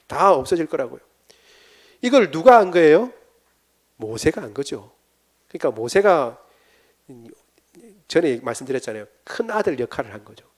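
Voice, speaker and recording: A man's voice: on the high side, animated, normal speed, long pauses. A man preaching at a church prayer seminar, often asking his listeners questions and acting out the lines of biblical figures. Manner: asks the congregation questions and acts out quotes. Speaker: pastor. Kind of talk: sermon seminar teaching.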